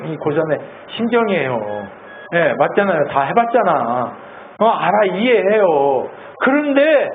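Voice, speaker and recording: A male pastor preaching a sermon in an animated, conversational way, asking the congregation lots of questions. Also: sits high. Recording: tinny phone-like sound, faint hiss.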